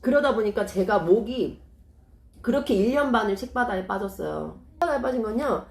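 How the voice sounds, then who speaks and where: Earnest woman, lively voice, echoey room. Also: fairly high pitch, fairly quick, vocal fry. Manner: earnest, persuasive, rhetorical questions. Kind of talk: casual explanatory talk.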